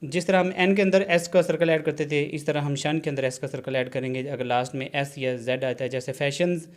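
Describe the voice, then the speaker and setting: A man gives a shorthand lesson on video. His voice sits a little high for a man. He explains patiently, checks in often with a short "okay", and drops English terms into his sentences. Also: fairly even intonation, fairly quick. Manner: explanatory, repeats "theek hai ji", mixes English terms into Urdu. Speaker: shorthand instructor. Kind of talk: classroom-style video lesson.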